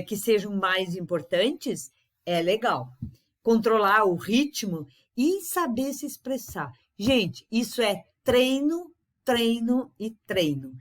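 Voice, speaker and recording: Slow-spoken woman teaching a class. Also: mid-range voice. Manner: unhurried, many fillers and repeated words. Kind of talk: online class lecture.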